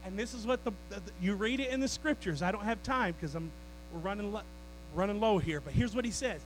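A man preaching a sermon, swinging from loud declarations to low, joking asides with his congregation. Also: fast, slight background noise, rough recording.

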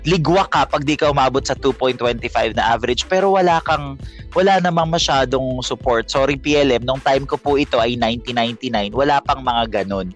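A man tells stories casually, backtracking as he goes. His pitch is average, and faint music sits behind him. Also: brisk. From Gapan, Nueva Ecija, Philippines. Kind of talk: casual reminiscing.

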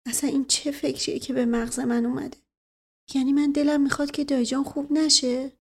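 A woman's voice: high voice, flat delivery, darkish tone, voice pushed up. Anxious lovesick young man, as a woman reader puts him on. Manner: pleading, hesitant questions. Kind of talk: audiobook character reading.

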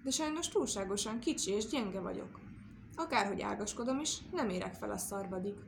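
A woman's voice: medium pitch, lively intonation, vocal fry, background noise. A woman voicing a sly, mocking male rabbit trickster in a storybook reading.

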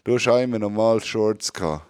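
A young man with a Swiss German accent hosting a casual podcast chat, joking, laughing often and shouting to act out his jokes. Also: on the low side, brisk, clear, resonant tone, no echo, clean studio sound. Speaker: podcast host.

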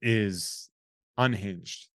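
A man hosting a podcast, chatting casually and jokily while reading out listener shout-outs. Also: on the low side, drawn-out words, no room sound, clean studio sound. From New England. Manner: rambling, jokey, reads listener shout-outs. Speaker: podcast host. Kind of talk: casual chat.

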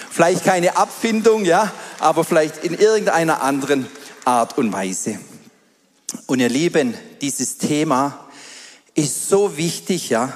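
A middle-aged man preaching a sermon, telling stories and calling the congregation "dear ones" in a lively way. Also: on the high side. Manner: lively storytelling with quoted asides, addresses congregation as "ihr Lieben". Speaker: pastor. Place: church hall before a congregation. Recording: long hall reverb.

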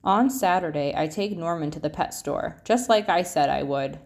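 A woman reading a children's picture book aloud expressively, with drawn-out phrase endings. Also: lowish voice, expressive, darkish tone.

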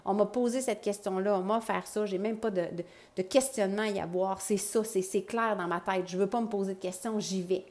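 A lively woman with a Quebec French accent, in a middle-of-the-road voice, talks straight to her listener in a motivational podcast monologue. She speaks with slang and tosses in English words as she coaches. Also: medium pitch, fairly quick. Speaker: life coach.

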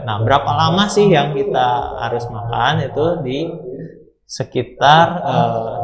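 A man giving informal, explanatory answers as a doctor, often ending phrases with small tags. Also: medium pitch. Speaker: doctor answering audience questions. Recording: echoey online call with background chatter.

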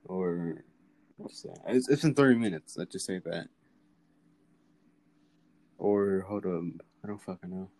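Low-voiced stammering young man. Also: measured pace, pauses often, mellow, rough recording. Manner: stammering, swears, laughs often. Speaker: podcast co-host. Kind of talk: casual chat.

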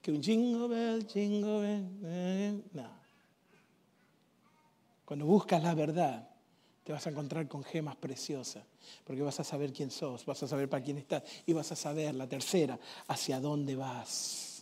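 A man, preaching a sermon in church with emphatic shouts and joking stories. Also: on the high side, unhurried, breathy edge. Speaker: pastor.

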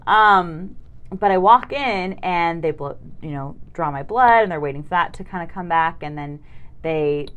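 A young adult woman co-hosting a podcast, talking candidly and with self-deprecation in casual chat, acting out the voices of people she quotes. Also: deep voice. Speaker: podcast co-host.

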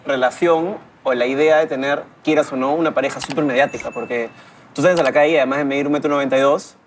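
A man's voice: mid-range voice, fairly even intonation, fast talker, slight background noise. A man hosting a casual chat, teasing and joking with his guest as he asks questions. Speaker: host.

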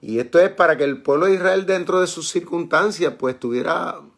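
A man's voice: fairly high pitch, fairly quick, creaky, fairly bright tone. A man giving a conversational Bible study sermon. He often checks in with his listeners, chuckles as he teaches, and reads scripture aloud with raised emphasis. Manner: chatty, asks listeners with tag questions.

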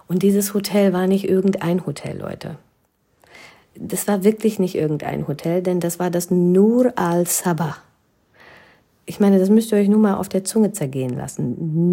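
Chatty young woman telling a funny story, gravelly, dark and warm, lots of filler words. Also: fairly low pitch. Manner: chatty, humorous, frequent tag "ne?" and "äh". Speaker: storyteller recounting her own wedding. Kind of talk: casual spoken anecdote.

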